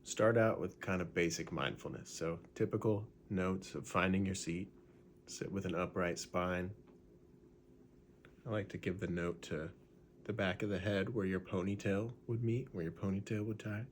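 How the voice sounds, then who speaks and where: A man with a low-sitting voice leads a guided gratitude meditation at a moderate pace, relaxed and conversational, often tossing in "right?" and small fillers. A little hiss or hum sits under the recording.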